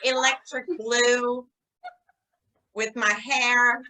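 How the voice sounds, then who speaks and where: A woman's voice: fairly high pitch, drawn-out words, poor audio. A woman in her forties with a New York accent, co-hosting a casual chat and telling stories with lots of laughter. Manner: animated storyteller, laughs a lot. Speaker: podcast co-host.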